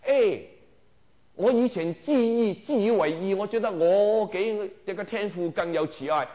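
Man, middle-aged, sermon, emphatic, rhetorical questions, slightly high voice. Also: unhurried. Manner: emphatic, urging listeners with repeated rhetorical questions; swings between loud exhortation and quiet asides. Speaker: preacher.

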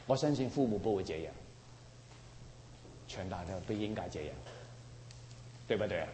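A man's voice: sits low, animated, moderate pace, mellow, slight background noise. A man preaching a sermon emphatically, often asking the congregation rhetorical questions. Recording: roomy hall with long reverb.

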